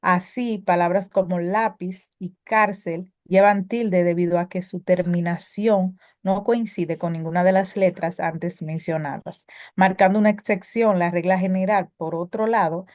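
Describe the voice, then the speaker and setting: A woman's voice: fairly low pitch, a little mellow, no echo, clean studio sound. A woman teaching a spelling lesson, reading prepared explanations with occasional filler sounds and self-corrections.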